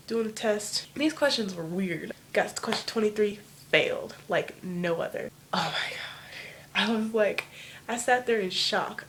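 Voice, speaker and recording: A woman's voice: medium pitch, a little hiss or hum. Rambling teenage girl telling a story. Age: teens. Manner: rambling, filler-heavy with "like". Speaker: vlogger. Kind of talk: casual storytelling. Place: home room.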